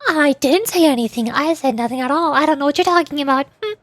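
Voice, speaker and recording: A young woman streamer with a high voice chats quickly, teasing playfully and laughing often while voicing game lines. There's no echo on the recording.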